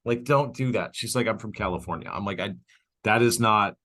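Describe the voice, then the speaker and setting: A man with a lowish voice and brisk delivery co-hosts a podcast full of casual comedic chat. Blunt, profane, and joking, he tells stories animatedly and acts out bits of the dialogue.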